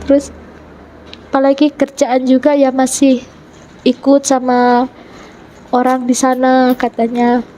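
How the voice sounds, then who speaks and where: A woman with a high voice and a soft, mellow tone tells her personal story to an interviewer. She speaks earnestly, pausing and restarting, and slips into the voices of the people she quotes. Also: completely flat delivery. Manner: retells events by acting out quoted dialogue. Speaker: convert telling her life story. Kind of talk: emotional personal testimony in an interview.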